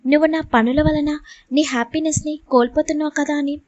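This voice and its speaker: A young wife, wounded and pleading, her words coming out upset and close to tears. A woman narrator reads her in a high, dry voice for a storybook reading. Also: steady tone, fast talker, a little mellow, no echo, lo-fi sound, lightly acted. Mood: tearful. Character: young wife, hurt and tearful. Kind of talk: audiobook character reading.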